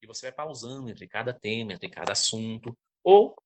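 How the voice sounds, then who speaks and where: A man's voice: medium pitch, normal speed, slight background noise. A man from Brazil, teaching a lecture on public speaking, often checking in with his listeners. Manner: didactic, checks in with listeners, lively emphasis.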